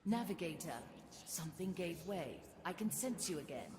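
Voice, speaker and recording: An actress playing a solemn ghostly woman, the spirit of a pirate ship in a video game, narrating in a measured, mysterious manner. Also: on the low side, lively intonation, close to an everyday voice. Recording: echoing, reverberant, under loud music.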